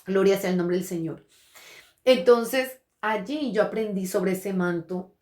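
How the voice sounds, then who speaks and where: A woman pastor delivers an earnest testimony sermon at a middle pitch. She stumbles and repeats words as she goes and addresses her listeners directly. The recording has a roomy echo. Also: a little slow, darkish tone. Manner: hesitant, restarts and repeats words. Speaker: pastor and prophet.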